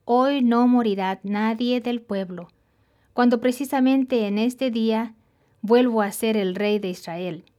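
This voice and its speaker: Storybook: a mourning elderly king, read by a woman, lamenting, fairly high voice. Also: a little slow, a little mellow, close to an everyday voice. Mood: solemn. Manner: lamenting, repeating a name. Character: grieving old king, father mourning his son.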